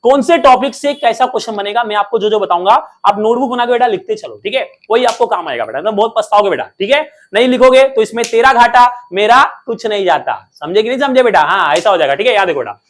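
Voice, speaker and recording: A man teaching a science lesson with a lot of energy. He keeps asking his students questions and answering them himself, and he says his English phrases slowly and carefully. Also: sits high, lively intonation. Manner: coaxing, calls students beta, repeats questions and answers himself; slow, deliberate English phrases.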